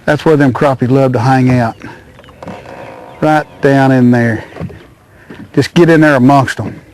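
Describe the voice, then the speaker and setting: A middle-aged man with a mid-range voice, talking a little slowly over slight background noise, hosts an outdoor fishing show from a small boat on a lake. Excitable, he hollers and coos at the fish while reeling them in.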